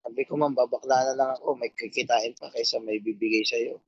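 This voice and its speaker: A man's voice: mid-range voice, steady tone, brisk, slightly rough, dry recording, lo-fi sound. A man telling a long, rambling, profane story in a casual chat, quoting himself and others.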